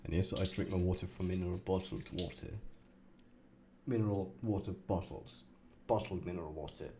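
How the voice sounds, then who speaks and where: A young man with a German accent streams a game, relaxed and chatty, laughing and joking with a co-player. His voice is deep and his pace moderate, with a little hiss or hum in the recording.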